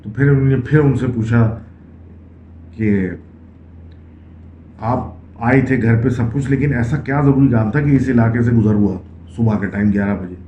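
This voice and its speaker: A man's voice: medium pitch, dark tone. A man casually narrating a ghost story in a conversational way, often mixing English phrases into his speech. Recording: echoey, tinny phone-like sound with faint hiss.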